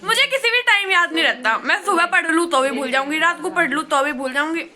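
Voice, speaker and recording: Young female vlogger with a Western Uttar Pradesh Hindi accent, high and bright, blunt and rambling, phone-mic hostel-room chat. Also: lively intonation, fast, soft background music. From western Uttar Pradesh, India. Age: young adult. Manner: blunt, rambling, laughs often, plain rustic speech. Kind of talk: casual chatty vlog.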